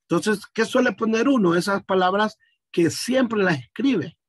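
Husky-voiced man teaching an online class. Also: sits high, unhurried, no echo. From Honduras. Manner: patient, explanatory, addresses students directly. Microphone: video call.

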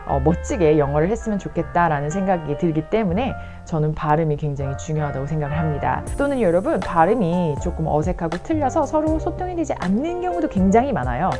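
A woman teaches English phrases in an online lesson. Her voice sits a little low but swings widely in pitch, and she stretches out her example sentences slowly and clearly. Soft music plays faintly underneath. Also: lively intonation. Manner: frequent check-ins with the viewer.

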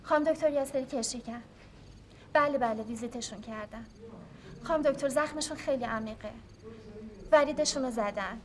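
An actress playing a firm, compassionate hospital nurse who speaks with stern authority. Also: female voice, high-pitched, pauses often, lightly acted. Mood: professional.

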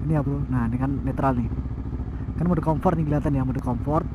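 A man's voice: mid-range voice, fast talker. A young man vlogging casually while riding a motorcycle through city traffic, asking himself questions and answering them with slangy asides, recorded on a helmet mic. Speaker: motovlogger. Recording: helmet mic with loud engine and wind noise. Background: engine and traffic noise.

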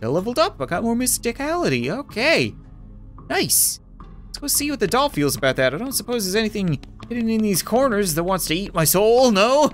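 A man's voice: high-pitched, very animated, a little fast, faint music behind. A man in his thirties giving theatrical game playthrough commentary with wry asides, reading text aloud. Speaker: gaming video host.

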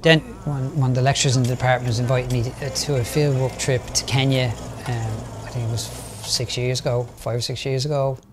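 A man in a documentary interview, telling his own story in a relaxed, amused way. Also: medium pitch, brisk, background noise.

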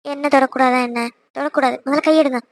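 A woman's voice: high voice, steady tone. A woman voicing a fiery jealous young wife. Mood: annoyed. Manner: scolding, quick, emotional. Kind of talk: cartoon voice acting.

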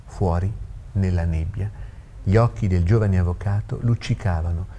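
Low, mellow male storyteller. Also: moderate pace, slight background noise. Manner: expressive, varied intonation. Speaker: host and storyteller. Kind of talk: reading a story aloud.

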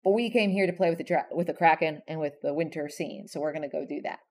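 A woman giving a relaxed, chatty screen-share software tutorial, talking through each step with frequent ums and self-corrections. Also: low voice, quick pace.

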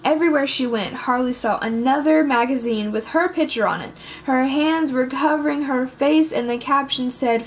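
A woman's voice: high-pitched, slight background noise. Woman reading her story aloud.

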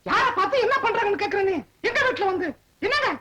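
An actress playing a jealous, sharp-tongued young wife in an old film, scolding and taunting. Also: female voice, extremely high pitch, expressive, fast talker, heavy background noise. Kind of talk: 1970s Tamil film acting.

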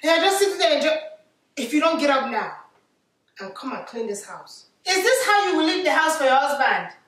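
A woman's voice: sits high, sing-song, a little fast, a bit bright. Woman acting scolding West African mother, echoey room. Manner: indignant, scolding, rhetorical questions. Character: scolding, exasperated African mother coming home. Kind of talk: comedy skit. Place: living room, far camera. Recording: echoey room, far from mic.

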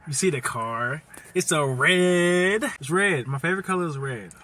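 An eighteen-year-old man hosts a casual vlog from inside a car, joking and teasing in a laid-back way while filming on a phone held at arm's length. His slightly high voice is animated, bright and forceful at a moderate pace, with a little hiss or hum.

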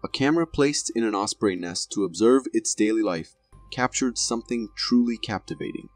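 Husky low-voiced male narrator. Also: lively intonation, normal speed, soft background music. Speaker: narrator of a viral video compilation. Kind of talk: scripted narration.

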